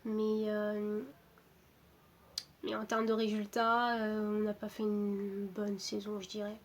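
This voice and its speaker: Young woman from portugal, footballer, talks kinda flat with lots of uh and restarts, bit of hiss behind. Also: medium pitch, slow. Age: 20s. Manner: hesitant, many fillers and restarts. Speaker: footballer interviewed. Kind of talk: casual self-introduction to camera.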